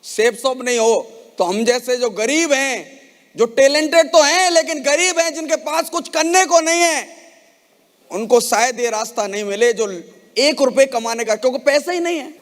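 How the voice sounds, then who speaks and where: At a network marketing event in a large hall, a man rouses the audience from the stage with questions during an emotional motivational speech. His voice is extremely high and animated, at a moderate pace, and the sound is reverberant.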